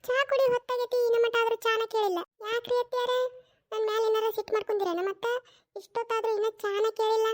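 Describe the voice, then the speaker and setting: A performer doing an insistent young cartoon daughter-in-law with a North Karnataka Kannada accent, her voice pitched extremely high. She coaxes and pleads in quick, pestering runs. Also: little pitch movement. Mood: coaxing. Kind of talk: cartoon voice acting.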